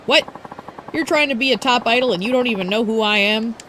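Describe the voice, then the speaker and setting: A woman's voice: a little high, brisk, sharp tone, slight background noise, voice pushed up. A woman voicing a bratty, arrogant young female rival idol who talks in a haughty, taunting, boastful way.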